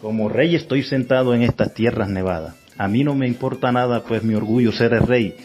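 A man's voice: medium pitch, a little fast, darkish tone, dull audio, faint music behind, close to an everyday voice. A man playing a proud, hungry vulture king, declaiming folk carnival verse in a theatrical way. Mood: haughty, boastful.

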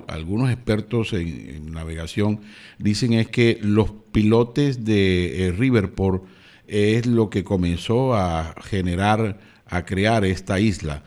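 A man's voice: on the low side, slow pace, a little mellow. A man, a radio journalist, asking a long question with hesitant fillers. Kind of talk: news interview.

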